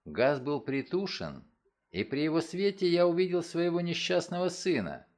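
Expressive male audiobook narrator. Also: on the high side, moderate pace. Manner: dramatic, expressive reading with acted outbursts. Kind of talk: first-person scripted narration.

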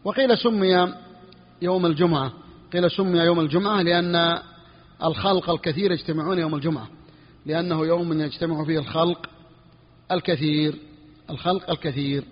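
A man teaching a lesson on Islamic jurisprudence, repeating each phrase for his students and clearing his throat now and then. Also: on the high side, steady tone, a little fast, long pauses. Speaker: sheikh teaching Hanbali jurisprudence. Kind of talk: classroom lesson on a fiqh text. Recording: dull, lo-fi recording with long reverb.

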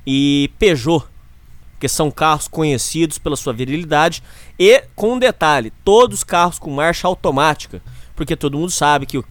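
A man's voice: fairly high pitch, a bit bright, dry recording. A man with a Brazilian accent hosts with a casual spoken introduction, full of repetitive, tongue-in-cheek macho bravado. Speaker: show host.

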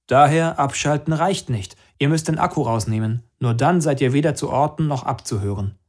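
A man's voice: mid-range voice, normal speed, pitched above the performer's own voice, lightly acted. A man doing an earnest young lecturer. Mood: lecturing. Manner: lecturing, emphatic.

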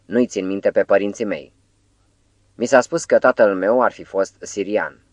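A man reading an audiobook, voicing a frightened, humble prisoner with a hoarse voice. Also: lowish voice, dry recording, lightly acted. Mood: meek. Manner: meek, eager answers.

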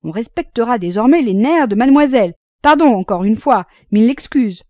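A woman's voice: on the high side, expressive, moderate pace, darkish tone, no room sound, voice pushed up, natural voice. A woman voicing a pushy young male law clerk who teases his friend sarcastically. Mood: sarcastic. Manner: sarcastic, teasing.

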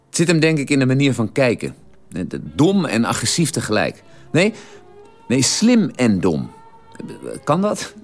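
A man in a radio drama telling a long, detailed story at the dinner table in a measured, drily precise way. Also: mid-range voice, huge pitch swings, faint music behind. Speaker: character telling an anecdote at a family dinner.

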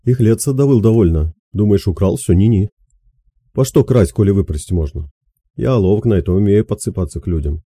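A man's voice: fairly low pitch, lively intonation, a little fast, warm tone, slightly rough, no echo, clean studio sound. A man voicing a boastful, crude young peasant vagrant who talks slyly and coarsely in an audiobook. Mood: boasting. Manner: swaggering, sly, coarse banter. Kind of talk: audiobook character voice.

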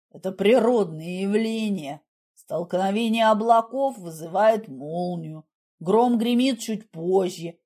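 Female narrator doing a low, cool, condescending man; dry mockery, never raises his voice. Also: dark tone. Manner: dry, mocking, unhurried. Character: calm mocking adult man, condescending.

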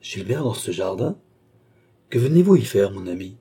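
A man voicing a young noblewoman in an audiobook, asking quick, softly reproachful questions. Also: fairly low pitch, big pitch swings, husky. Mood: surprised. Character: young noblewoman, surprised, gently firm. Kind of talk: audiobook character voice.

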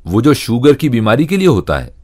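A man's voice: mid-range voice, sing-song, fairly quick, a little mellow. A man voicing a kindly elderly pilgrim who asks polite, curious questions in a told story. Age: older.

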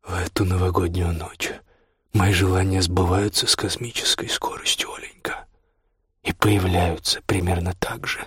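A hushed, teasing grown man in whispered role-play, as a male reader plays him. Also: little pitch movement, normal speed, slightly rough, no echo, studio quality, heavily acted. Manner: hushed, low, intimate. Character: confident grown man, tender, teasing lover.

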